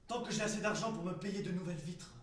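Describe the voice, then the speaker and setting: A man's voice: sits high, fast talker, lightly acted. An actor playing a frightened, defensive man of the house on stage, tense and fearful. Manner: tense and fearful, bursts into frantic shouting. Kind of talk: stage acting. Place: theater stage. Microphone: far room mic. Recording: distant stage recording in an echoey theater.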